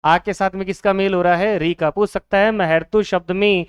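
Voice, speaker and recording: High-voiced Hindi grammar teacher, quizzing. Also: male voice, fairly even intonation, moderate pace, clean tone, dry recording. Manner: asks questions and answers them himself, repeating key words. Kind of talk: exam-prep grammar lesson.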